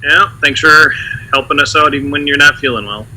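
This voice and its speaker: A man's voice: a little high, a little fast, sharp tone, a little hiss or hum, rough recording. A man with a Minnesota accent chatting casually on a video call. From Minnesota, Red River Valley. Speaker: graduate student.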